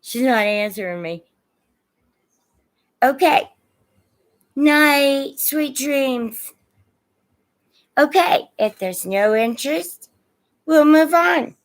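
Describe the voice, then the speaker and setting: An animated, high-pitched woman from Indiana, middle-aged or older with a Midwestern American accent, draws out her words and takes long pauses as she sells vintage pieces on a livestream. Her sales talk is casual, and she calls viewers by affectionate names.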